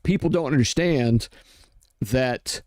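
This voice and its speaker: A man's voice: medium pitch, slow, a little mellow, no room sound. A blunt man rants in a heated, casual way and swears freely. He acts out both sides of each argument in quoted voices. The sound is dry and close, with no room around it. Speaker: streamer ranting on workplace issues. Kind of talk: casual rant.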